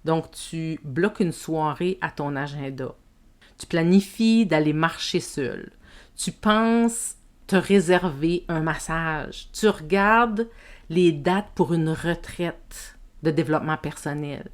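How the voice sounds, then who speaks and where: A woman with a Québécois French accent hosting a self-help podcast, speaking to the listener in a gentle, reflective way. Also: low voice. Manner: slow, gentle, addresses the listener as tu. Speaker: podcast host and women's coach.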